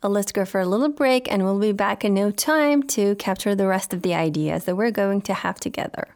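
Woman, radio host, scripted talk presentation, formal, earnest, courteous, medium pitch. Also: brisk, a little mellow.

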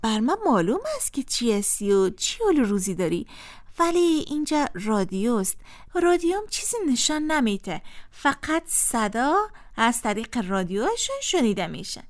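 Lively high-voiced female children's radio host. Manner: gentle, coaxing, playful.

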